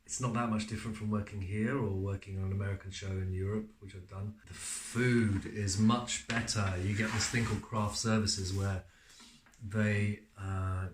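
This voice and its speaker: A man's voice: fairly low pitch, moderate pace, roomy sound, slight background noise. A man who is an actor, answering interview questions in a casual, chatty way with lots of fillers. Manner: relaxed, chatty storyteller with frequent fillers.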